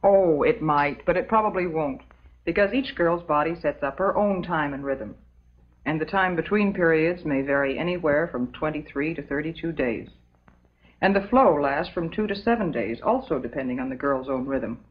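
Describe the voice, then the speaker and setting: On a dull, muffled old film soundtrack, a low, natural-sounding American actress portrays a calm, maternal substitute teacher. Her scripted classroom lecture unfolds patiently and instructively, with a prim, measured delivery.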